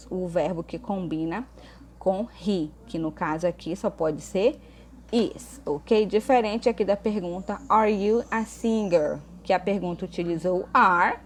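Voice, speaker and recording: A woman's voice: lowish voice, slight background noise. A woman English teacher with a Brazilian Portuguese accent, explaining grammar in a remote lesson and checking in often with "ok?" and "tá?". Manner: slows down to read English examples aloud.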